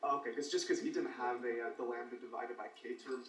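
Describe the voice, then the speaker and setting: A man's voice: medium pitch, fairly even intonation, fairly quick, fairly bright tone, distant mic. A man asking a lecturer hesitant questions during class. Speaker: student. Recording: echoey classroom recorded from afar.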